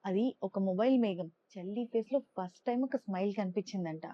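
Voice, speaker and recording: A woman's voice: brisk, dull audio. Woman telling a children's story. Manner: lively, expressive, raises pitch for characters' lines. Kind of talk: storybook narration with character voices.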